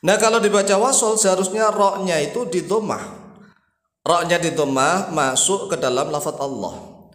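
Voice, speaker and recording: A man explaining a point of religious practice, now and then chanting phrases slowly to demonstrate. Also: high voice, fairly bright tone. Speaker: religious teacher. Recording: echoey room with long reverb.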